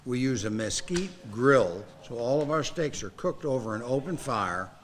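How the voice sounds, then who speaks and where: A man's voice: mid-range voice, animated, moderate pace, slight background noise. A man, a restaurant representative explaining the place in a plain, informative way. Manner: plain, informative, matter-of-fact. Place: outdoors at a ranch restaurant.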